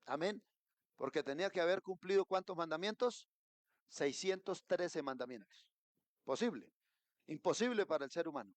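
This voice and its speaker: A middle-aged Colombian man preaching a sermon as pastor, rising to emphatic peaks and dropping to quiet asides. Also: fairly high pitch, expressive, normal speed, pauses often, dry recording. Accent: Colombian Spanish. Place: church.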